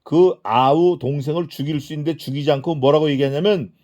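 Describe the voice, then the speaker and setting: A man's voice: on the high side, a little fast, darkish tone. A middle-aged man preaching an expository sermon as pastor, asking the congregation questions and answering them himself, and acting out quoted prayers. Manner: acts out quoted prayers and speech.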